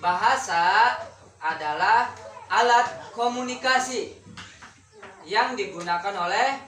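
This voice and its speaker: A woman's voice: mid-range voice, slow pace, a bit bright. A woman teaching a classroom lesson, firing questions at her pupils and repeating key words. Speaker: schoolteacher. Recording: roomy classroom heard from a distance.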